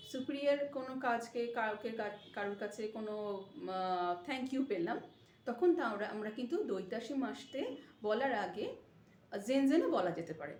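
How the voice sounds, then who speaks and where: A woman teaching a casual language lesson, explaining step by step and repeating phrases slowly. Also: high voice, a little mellow. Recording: echoey room with faint noise.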